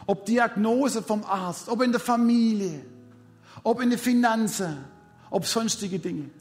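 A man's voice: high-pitched, unhurried, a little mellow, soft background music. A man preaching a sermon, retelling a story dramatically with repeated counting and speaking directly to his congregation.

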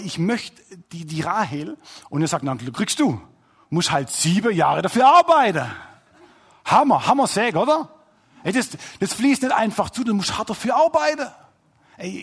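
A male pastor preaching a sermon, telling a story in a lively, colloquial way. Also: high-pitched, breathy edge.

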